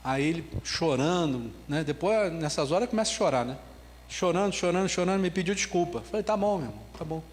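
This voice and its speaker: A man preaching a sermon as pastor, telling a story in an animated way with bits of laughter. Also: on the high side, big-room sound. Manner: ends with a slow spoken prayer.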